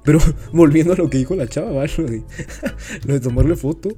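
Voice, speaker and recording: A man's voice: on the high side, fairly quick, mellow, soft background music. A young man with a Guatemalan Spanish accent, co-hosting a casual podcast chat in a slangy, profane, joking way. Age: young adult. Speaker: podcast co-host.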